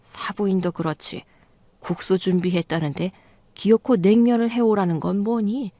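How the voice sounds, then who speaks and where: A woman's voice: mid-range voice, fairly even intonation, normal speed, dark tone, no room sound, lightly acted. A woman doing a grumbling, offended mother. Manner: scolding, complaining. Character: annoyed middle-aged mother, sulky and grumbling.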